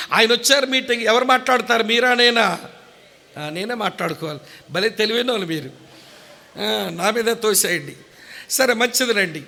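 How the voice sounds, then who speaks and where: High, bright-voiced animated preacher. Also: male voice. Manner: animated, teasing the audience, rising to emphatic peaks. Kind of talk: storytelling sermon with acted dialogue. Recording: long hall reverb.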